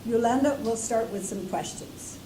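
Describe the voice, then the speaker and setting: A woman interviewer reading a formal introduction in a measured way. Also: a little high, dark tone. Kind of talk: read-out introduction. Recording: echoey room with background noise.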